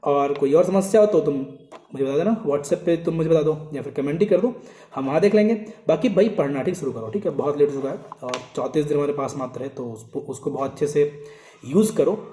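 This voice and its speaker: A man's voice: a little high, a little fast, warm tone, slight background noise. Urging male coaching teacher, echoey room. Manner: informal, scolding and urging, repeats advice. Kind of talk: motivational study advice to students.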